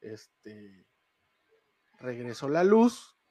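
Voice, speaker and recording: A man's voice: mid-range voice, big pitch swings, very slow, warm tone, no room sound. A man with a Mexican Spanish accent, co-hosting a casual podcast chat and telling a ghost story with slang and laughter. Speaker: podcast co-host.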